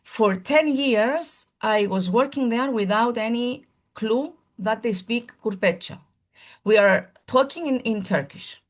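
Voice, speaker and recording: Taking it slowly in a slightly high voice, a woman who teaches primary school delivers a seminar talk in formal, lecture-style language. She's earnest and frequently starts over while hunting for the right words.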